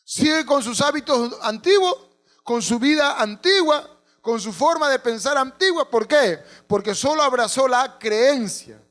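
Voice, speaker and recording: High-voiced, animated preacher. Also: male voice, unhurried. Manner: preaching with rhetorical questions to the congregation. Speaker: pastor. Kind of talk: sermon.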